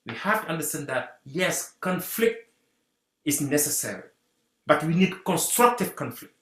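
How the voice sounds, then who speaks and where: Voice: medium pitch, normal speed, slight background noise. Guest, earnest and rallying, voice swinging widely, roomy echo. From Senegal. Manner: animated, repeats rallying phrases. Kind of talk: earnest community talk.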